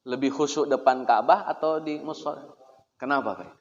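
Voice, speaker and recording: A man's voice: medium pitch, moderate pace. A man giving a conversational religious lecture in a prayer room, asking rhetorical questions and often addressing his listeners directly. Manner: chatty, poses rhetorical questions, keeps addressing listeners as sir. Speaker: Islamic preacher. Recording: echoey hall, dull lo-fi sound.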